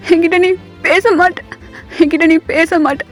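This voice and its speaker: A woman's voice: very high-pitched, a little fast, a little mellow, faint music behind. A woman voicing a heartbroken young man who cries and pleads, repeating himself through tears, in a storybook reading. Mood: tearful pleading. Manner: tearful, pleading, repeats phrases. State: crying.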